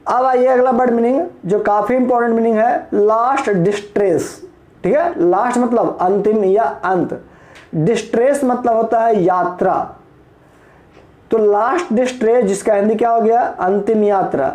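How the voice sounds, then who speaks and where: Male tutor from Bihar, patient and explanatory, soft mellow tone, roomy echo on the recording. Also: high-pitched, normal speed. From Bihar, India. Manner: patient, explanatory, spells words letter by letter, asks rhetorical questions. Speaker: teacher. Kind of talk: classroom lesson explaining English vocabulary.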